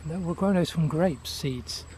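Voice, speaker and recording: A man giving a casual, unscripted garden tour outdoors, listing things in an unhurried, appreciative way. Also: a little high, a little mellow, slightly rough. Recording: outdoor ambient noise.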